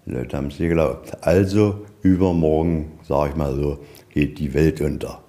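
A very deep, mellow male voice at a moderate pace belongs to a museum guide. He tells stories informally and in a folksy manner during a guided tour inside the museum, frequently answering his own questions.

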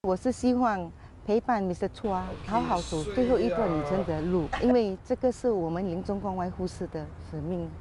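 A woman's voice: mid-range voice, moderate pace, crowd noise. A woman with a Singaporean Mandarin accent, a hospice nurse speaking in an interview, telling stories and mixing English words into her Mandarin. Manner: mixes English into Mandarin, animated storytelling.

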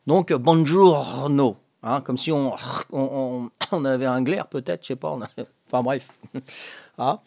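Creaky and darkish in tone, this older man's mid-range voice moves at normal speed as he chats on a home video. He has a Corsican French accent and vlogs while learning a language, sounding hesitant and joking, with many fillers and restarts. The recording is dry and of studio quality.

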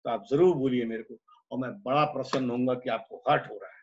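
A man's voice: mid-range voice, fast talker, a little mellow, slight background noise. A man with an Indian Hindi accent, a theatre director speaking in an online workshop conversation, blunt and emphatic in an earthy teaching manner. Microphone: video call. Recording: muffled video-call audio.

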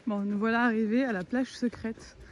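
A woman's voice: a little high, fairly even intonation, a little fast. A woman, chatting casually to her vlog on a handheld phone. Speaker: travel vlogger. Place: outdoors on beaches, in a moving car. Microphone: phone at arm's length. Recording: noisy handheld phone, muffled, wind and car.

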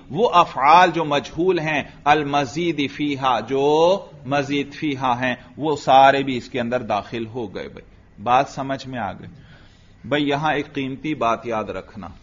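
A Pakistani man with a Pakistani Urdu accent teaches a grammar lesson in a classroom. His voice sits a little high, and he recites Arabic terms, then slowly explains them and checks with his students. The recording is dull and lo-fi. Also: fairly bright tone, a little hiss or hum. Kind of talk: classroom lecture. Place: religious school classroom.

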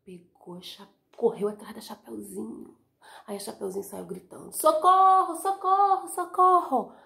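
A woman preschool teacher with a Brazilian Portuguese accent telling a fairy tale to young children, expressive, asking them questions and dropping into dramatic whispers. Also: medium pitch, moderate pace, vocal fry. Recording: echoey room.

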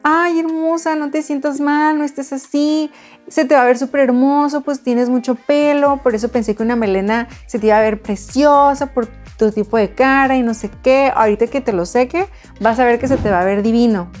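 A woman's voice: fairly high pitch, fairly quick, darkish tone, faint music behind, lightly acted. A woman voicing a female hairstylist who coaxes and reassures in a sweet, gushing way. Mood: coaxing.

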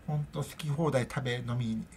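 A woman's voice: extremely low pitch, moderate pace, darkish tone, a little hiss or hum. A middle-aged woman hosting a casual solo podcast chat, rambling and chatty and laughing often, into her own microphone. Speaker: podcast host.

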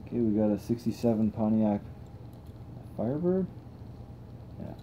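A man's voice: fairly low pitch, moderate pace, noisy background. A young man hosting a toy car channel, chatting casually and thinking aloud as he tests cars on a table indoors. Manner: relaxed, rambling, thinks aloud while testing cars.

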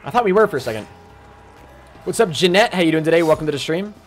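A man commentating his live game stream, chatting along and greeting viewers by name with sudden excited outbursts. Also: a little high, quick pace.

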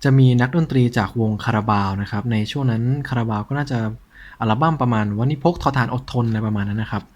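A man hosting a collector's show in a casual, informal show-and-tell style, with a slightly husky voice. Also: medium pitch, quick pace, a little mellow. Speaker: host of a cassette collection show.

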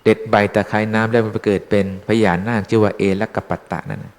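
A man's voice: lowish voice, steady tone, fast, gravelly, a little mellow. A Buddhist monk giving an informal, chatty dharma talk, teasing his listeners with questions. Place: temple hall. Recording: long hall reverb.

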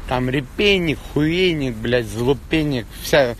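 A man in his thirties ranting casually on a livestream as he walks, swearing constantly like a rough street thug. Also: medium pitch, animated, takes it slowly. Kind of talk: casual livestream chat while walking. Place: outdoors on a city street. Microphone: phone at arm's length. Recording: noisy outdoor street, traffic.

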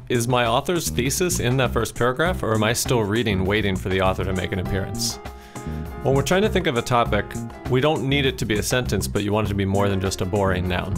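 A man teaches a casual test prep lesson in a lowish voice. He is conversational and playful, and he acts out his thoughts as he reads. Faint music sits behind him.

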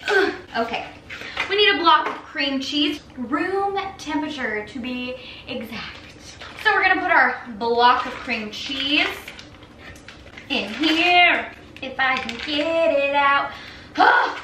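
A young woman cooking vlogger chats casually while cooking in her home kitchen, teasing herself as she goes. Her high, sharp voice has lively intonation and an unhurried pace. The camera sits on the counter at some distance, and the kitchen sounds echoey with faint room noise.

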